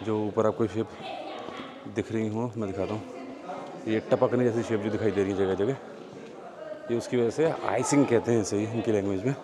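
With a fairly low pitch and fairly even intonation, this man talks briskly but pauses often. He's vlogging his walk through a busy tourist cave, showing viewers around over the noise of the crowd.

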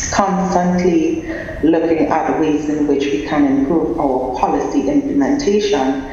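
A man from Trinidad and Tobago, giving a measured, deliberate academic conference presentation. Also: mid-range voice, dark tone, slight background noise. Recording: echoey, dull sound in a large hall.

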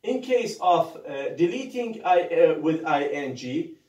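Male lecturer, slightly high voice, slow and hesitant, recorded far off in an echoey room. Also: very animated, a little mellow, muffled recording. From Iraq. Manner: halting, many fillers and rhetorical "what?" questions. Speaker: university grammar lecturer.

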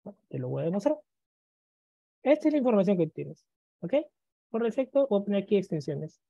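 Man, computer teacher, deep mellow voice, checks in with listeners, muffled dry recording. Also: big pitch swings, fairly quick, vocal fry, dry recording. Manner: acts out students' questions and answers them himself. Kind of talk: screen-recorded lesson.

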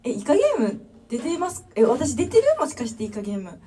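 A woman's voice: high-pitched, big pitch swings, quick pace, dark tone, distant mic. A young woman with a Kansai accent chatting casually on a livestream, reading viewer comments and thanking fans one by one. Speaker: drummer livestreamer.

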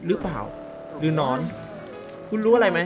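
A man's voice: high-pitched, animated, normal speed, highs cut off, over music, voice pushed up. A man doing a cocky young street racer.

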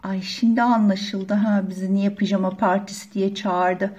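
A woman's voice: mid-range voice, fairly even intonation, moderate pace, dark tone. A woman hosting a toy channel, playing girl dolls at a pajama party in chatty, gossipy voices. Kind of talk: doll play role-play.

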